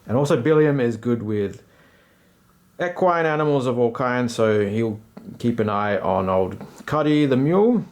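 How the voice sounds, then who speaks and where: A man talks through his solo tabletop game in a casual, informal way. His voice sits at a medium pitch, and he drops in slangy, self-deprecating remarks as he goes. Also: animated, measured pace, darkish tone.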